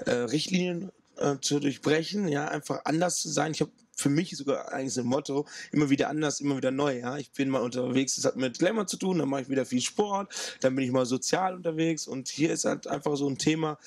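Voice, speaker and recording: Hesitant man from Ghana, gravelly. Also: a little high, quick pace, no echo, clean studio sound. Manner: hesitant, many fillers. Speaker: interviewee. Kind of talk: outdoor interview. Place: outdoors in woods. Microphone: handheld mic.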